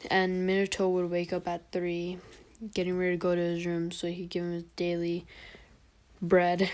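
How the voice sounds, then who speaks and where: A young woman narrates an improvised fan story in a low, very flat, monotone voice. She rambles and halts, filling gaps with ums and likes. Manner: rambling, halting, many fillers.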